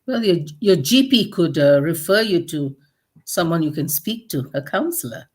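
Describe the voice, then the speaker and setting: A woman co-hosting a podcast, adding practical points calmly with small fillers. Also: on the low side, moderate pace. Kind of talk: casual chat.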